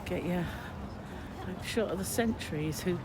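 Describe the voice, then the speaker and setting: A woman's voice: lowish voice, slow pace. British lady doing a travel vlog outside, chatty rambly sightseeing talk, noisy background. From Britain. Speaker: travel vlogger. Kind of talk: casual rambling sightseeing narration. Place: outdoors on a city street. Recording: noisy outdoor city recording.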